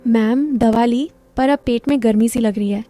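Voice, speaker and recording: A woman's voice: fairly high pitch, normal speed, mellow, faint music behind, natural voice. A woman voicing a shy, lovestruck young man who visits a doctor, speaking in a hesitant, bashful way.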